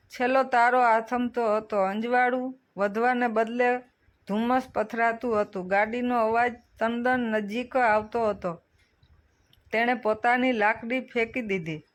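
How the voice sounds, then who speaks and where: A storyteller giving a steady, measured reading of a scripted short story. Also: mid-range voice.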